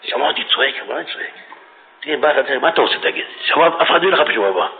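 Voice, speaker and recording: A middle-aged man preaching a fiery religious sermon, swinging between shouting and hushed tones. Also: medium pitch, expressive, crowd noise. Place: religious study hall. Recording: tinny phone-like radio recording.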